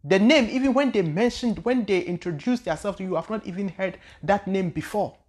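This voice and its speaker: This spiritual teacher from Ghana chats with viewers on her channel, answering their questions in a casual way. Her mid-pitched voice is a little mellow. She speaks loosely and searchingly, often repeating words and pausing to find them.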